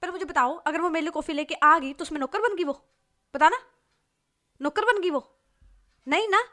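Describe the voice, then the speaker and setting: A woman voicing an angry young woman who complains loudly and in exasperation about a rude coworker. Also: sits high, animated, normal speed. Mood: furious.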